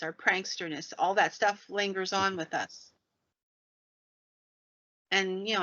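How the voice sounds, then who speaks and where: The recording is dull and lo-fi as a woman podcast host spins paranormal tales, chatty and folksy, wandering into tangents. She has a mid-range voice with a bright, forceful tone.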